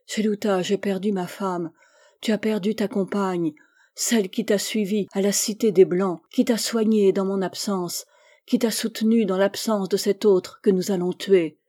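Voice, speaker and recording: A woman's voice: mid-range voice, fairly even intonation, normal speed, mellow, lightly acted. A woman voicing a torn, anguished young male warrior in a storybook reading, speaking with passion. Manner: impassioned, pleading speech.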